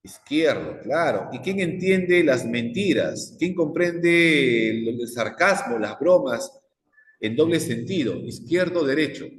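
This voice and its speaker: Echoey teacher quizzing students. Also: male voice, fairly high pitch, expressive, slow pace. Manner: quizzes the class with repeated questions. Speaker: psychology teacher. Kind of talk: classroom lecture. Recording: echoey classroom with long reverb.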